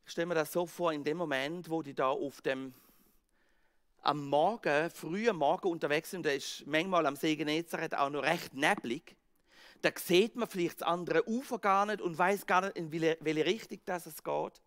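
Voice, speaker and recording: A male pastor with a Swiss German accent preaching a sermon, acting out the scene with sudden swings from loud outbursts to hushed words. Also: on the high side, moderate pace. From Switzerland. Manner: dramatic, acts out the disciples' panic and Jesus' words, swings from loud to hushed.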